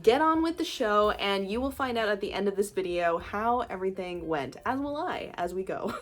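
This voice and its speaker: A woman's voice: mid-range voice, lively intonation, moderate pace, soft background music. A young woman, a self-employed illustrator, chatting casually in a vlog and laughing often as she thinks aloud. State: groggy morning voice. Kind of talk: casual vlog talk to camera.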